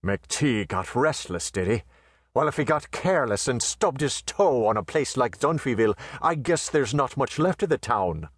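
A man voicing a calm, dry-humored western tough who speaks softly and understated. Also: mid-range voice, moderate pace, husky, no echo, voice pushed up. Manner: soft-spoken, dry and understated. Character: calm, wry, dangerous male western chore boy.

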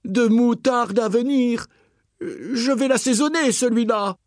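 A man's voice: high-pitched, very animated, unhurried, a little mellow, dry recording, studio quality, voice pushed up, full character voice. A man voicing a hot-tempered prince who mangles his words, exclaiming in a raised voice. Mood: moaning, cross. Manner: wordplay-laden, exclaiming.

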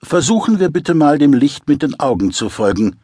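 Male reader as comfy old doctor, chatty and condescending, slightly raised husky voice. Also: fairly high pitch, sing-song, moderate pace, dark tone, no room sound, clean studio sound, pitched above the performer's own voice. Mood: jovial. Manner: chatty, patronizing bedside manner.

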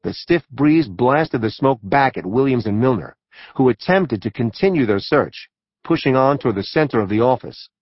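A male narrator reading a true-crime audiobook in a measured, even storytelling manner. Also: medium pitch, dry recording, dull audio.

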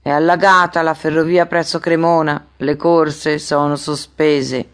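A woman reading an audiobook, voicing a gruff tall male tax collector with a cracked voice, speaking slowly. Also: a little high, flat delivery, fairly bright tone. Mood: grave.

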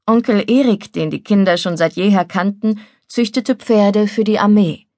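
A woman reading a novel as audiobook narrator in a calm, measured way. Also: medium pitch, no echo. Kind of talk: scripted narration. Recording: dry studio recording.

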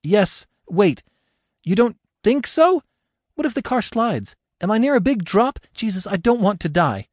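A man's voice: medium pitch, very animated, measured pace, a little mellow, breathy edge, no echo, studio quality. A male narrator voicing a panicked young woman stranded in a crashed car, pleading frantically for help. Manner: frantic, pleading, breathless cries.

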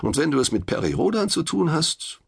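Gravelly, lively male audiobook narrator. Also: on the high side, fairly quick. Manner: wry, expressive, confiding first-person telling. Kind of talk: first-person audiobook narration.

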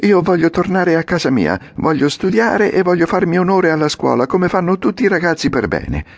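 A man voicing an impulsive, wavering wooden puppet boy in a storybook reading, pleading and excited. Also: sits high, brisk, gravelly, no room sound, voice pushed up, heavily acted.

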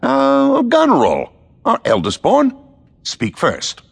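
A man's voice: extremely high pitch, huge pitch swings, slow pace, creaky, husky, exaggerated voice. An actor playing an old king, grand and commanding yet doting, in a theatrical Shakespearean audio drama. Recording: long hall-like reverb.

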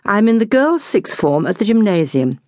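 A woman's voice: mid-range voice, very animated, moderate pace, darkish tone, dry recording, studio quality. A woman voicing a proud, cool seventeen-year-old Cypriot schoolgirl in an audiobook.

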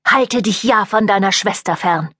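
A woman voicing a terrified mother who screams at her son and calls him a monster, in a shrill voice. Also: normal speed, sharp tone, husky, no room sound, clean studio sound. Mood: panicked.

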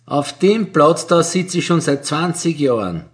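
A shrill, bored older postal clerk, put on by a male reader, sighing in a high voice. The voice climbs well above the narrator's own and swings widely. It suits a storybook reading. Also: expressive, a little slow. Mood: bored, daydreaming. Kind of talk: audiobook character voice.

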